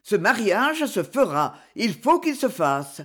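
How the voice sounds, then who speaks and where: A woman's voice: medium pitch, very animated, slow pace. A woman voicing a proud, harsh middle-aged duke who speaks with a growl. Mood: stern. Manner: growling and forceful.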